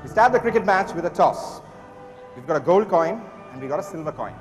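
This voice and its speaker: A man's voice: fairly high pitch, lively intonation, fairly quick. A young man doing playful, showy stage magician patter like a kids party magician, instructing his audience. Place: large auditorium stage before an audience. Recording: echoey hall, long reverb, faint music.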